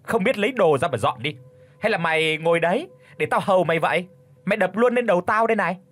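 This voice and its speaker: A man voicing a spiteful old woman, a bullying mother-in-law, in a shrill, sharp-tongued scolding voice. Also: big pitch swings, breathy edge, exaggerated voice. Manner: scolding, fast accusing questions. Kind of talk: audiobook character voice.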